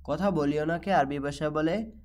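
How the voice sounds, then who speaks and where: A man with a Bangladeshi Bengali accent teaching a language lesson, repeating each phrase slowly and deliberately. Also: on the high side, a little mellow. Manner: slow, repetitive drilling of phrases. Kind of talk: slow spoken language lesson.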